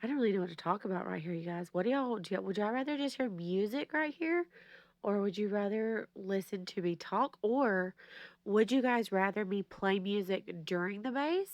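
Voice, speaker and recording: A planner vlogger chats and rambles to her viewers on camera as she plans, her medium-pitched voice animated and moderately paced. Allergies make her sound a little nasal and stuffy, and the recording is dry.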